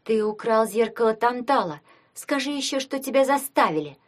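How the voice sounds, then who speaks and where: A woman's voice: fairly high pitch, expressive, takes it slowly, voice pushed up. A woman voicing a fiery young sorceress. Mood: heated.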